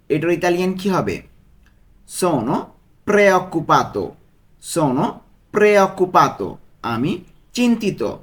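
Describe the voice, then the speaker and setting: A Bangladeshi Bengali man teaches a language lesson in a somewhat high voice. His pitch rises and falls a lot. He asks questions and answers them himself, and he goes over each phrase slowly. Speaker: language tutor. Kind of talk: Italian lesson taught in Bengali.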